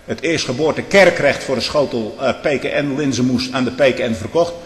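A man giving a fervent religious testimony. He swings from loud outbursts to hushed tones and keeps throwing in tag questions. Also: mid-range voice, a little fast. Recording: echoey hall with long reverb.

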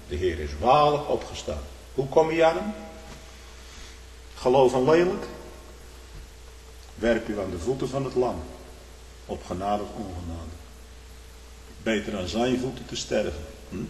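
A low-voiced male pastor preaches emphatically, his pitch rising and falling a great deal. He swings between loud declarations and hushed asides, tagging lines with a questioning "hm?". The voice rings out in a large church with a long echo. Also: lively intonation, moderate pace, pauses often, a little hiss or hum. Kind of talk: sermon. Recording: echoey church hall.

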